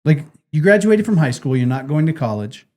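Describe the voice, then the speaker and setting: His voice sits on the high side and runs a little fast. A middle-aged man co-hosting a podcast, he tells animated stories in easygoing talk and acts out quoted speech.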